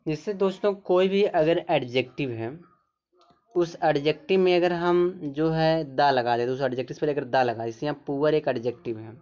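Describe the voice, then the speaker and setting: A man's voice: fairly high pitch, normal speed, darkish tone, highs cut off. A man teaching English grammar, explaining step by step and answering his own questions. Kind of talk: explaining a grammar lesson in Hindi.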